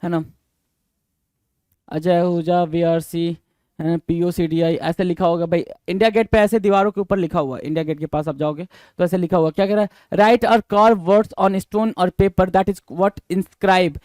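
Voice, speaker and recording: A male teacher leading an exam-prep vocabulary lesson. He reads English definitions slowly, explains them in quick Hindi, spells each word letter by letter and repeats the answers. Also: sits high, a little mellow, no room sound. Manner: spells words letter by letter, repeats answers, calls students bhai.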